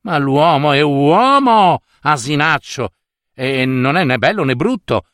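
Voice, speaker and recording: Guy doing a bossy pushy old lady, high voice swooping all over, dry sound. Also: huge pitch swings, a little slow, fairly bright tone, dry recording, full character voice. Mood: scolding. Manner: bossy, scolding, impetuous. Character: pushy plump older woman, sister of the groom.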